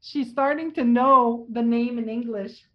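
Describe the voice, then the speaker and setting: A woman's voice: a little high, fairly even intonation, unhurried, dull audio. A woman with a French accent, a native French speaker, hosting a casual conversational interview. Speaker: podcast host.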